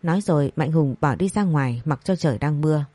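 A woman narrating a scripted story, reading each character's lines in the same even voice. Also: sits low, a little fast, no room sound. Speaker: audiobook narrator.

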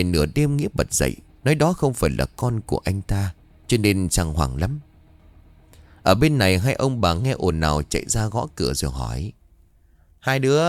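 A man's voice: deep voice, darkish tone, no echo. A man narrating a scripted horror story with dramatic telling.

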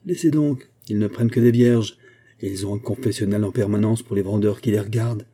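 A man reading aloud, voicing a drunk, boastful young male salesman who taunts loudly. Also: on the low side, fairly even intonation, a little fast, husky. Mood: taunting. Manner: loud, taunting.

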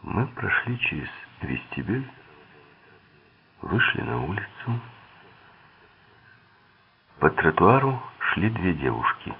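A man narrates a thriller audiobook in a very deep, gravelly voice with husky edges. His pitch rises and falls a lot, and he gives the characters' quoted lines slightly different tones. The sound is thin and tinny, like a phone line. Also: very animated, slow pace, pauses often.

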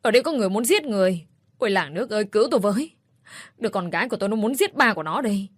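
A woman's voice: mid-range voice, lively intonation, normal speed, no echo, clean studio sound, lightly acted. Woman doing a brutal drunken old father. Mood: wailing loudly. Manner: abusive, sneering, shouting.

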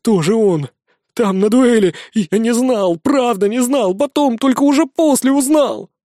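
A man's voice: animated, slow, a little mellow, dry recording, studio quality, full character voice. A man voicing a frightened boy called Rat, begging tearfully for help in an audiobook. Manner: pleading, tearful, high-pitched.

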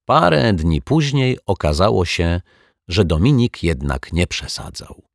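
Deep, husky man reading a children's story. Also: measured pace, no room sound, studio quality. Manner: expressive, lively storytelling. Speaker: audiobook narrator.

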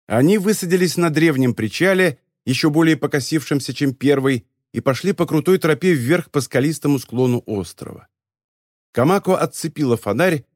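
A man narrating an audiobook in a calm, measured way. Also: medium pitch, no echo, studio quality. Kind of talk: scripted narration.

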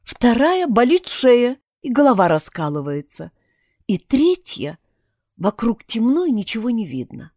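A woman narrating a first-person fantasy audiobook in an expressive way. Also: a little high, no echo, studio quality. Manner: expressive, animated.

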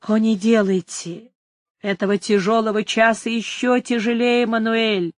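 A young countess torn by love, imploring in a trembling voice, as a woman reader gives her lines. The delivery is slow and fairly high, with a dry close sound. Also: steady tone, dry recording, lightly acted. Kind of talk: dramatic audiobook reading.

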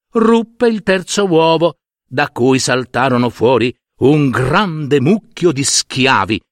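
Slow, expressive male storyteller. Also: medium pitch, dry recording, clean studio sound. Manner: expressive, theatrical reading. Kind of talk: scripted fairy tale narration.

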